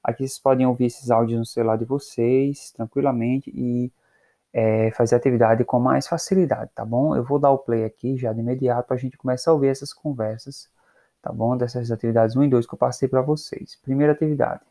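Brazilian male English teacher, patient, clear explainer, medium pitch. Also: fairly even intonation, warm tone. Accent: Brazilian Portuguese. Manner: patient, explanatory, repeats checks with students; slows down to model English phrases. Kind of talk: recorded online lesson.

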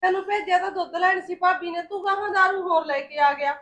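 A woman's voice: extremely high pitch, steady tone, brisk, fairly bright tone. A woman playing a pleading Punjabi sister. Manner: pleading, coaxing. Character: pleading younger sister of a drunk man.

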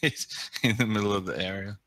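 A man's voice: lowish voice, fairly quick, pushed and bright. A man co-hosting a casual game video, making dry, teasing remarks. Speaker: let's play co-host. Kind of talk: casual gameplay chat.

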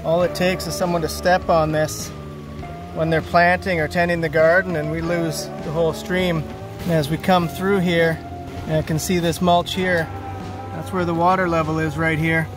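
Man pointing out leaks outdoors, monotone. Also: fairly high pitch, normal speed, over music. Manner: plain, practical, thinking aloud as he points things out. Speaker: water feature installer. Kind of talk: walkthrough narration while inspecting. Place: outdoors by a backyard stream. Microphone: handheld phone camera.

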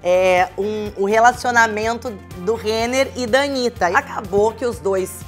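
A woman's voice: a little high, a little slow, faint music behind. A woman in her thirties from Brazil, chatting casually to camera and telling stories about her friends. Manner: chatty, acts out quoted dialogue. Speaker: vlogger.

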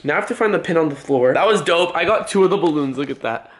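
Filming himself with a handheld camera at arm's length inside a family house, a young adult American vlogger chats in slangy, youthful language. He sounds a little high and animated, speaking quickly, with clear background noise around him.

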